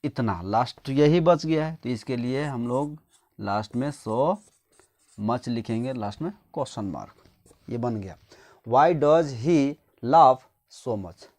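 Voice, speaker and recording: A man's voice: medium pitch, a little slow, a little mellow. A man from India explaining English grammar step by step, asking his own questions and answering them, dictating example sentences word by word. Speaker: English teacher.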